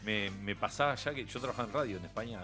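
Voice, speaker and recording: A middle-aged man with a Uruguayan accent, a radio interview guest chatting casually and telling animated stories with frequent laughter. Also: on the low side, rapid-fire, music in the background. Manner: animated storyteller, laughs often.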